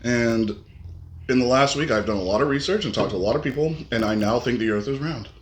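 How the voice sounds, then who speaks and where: A man's voice: medium pitch, fast. Joking man co-hosting a podcast. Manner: joking, deadpan humor. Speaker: podcast co-host. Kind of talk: casual podcast chat. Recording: echoey room, faint background noise.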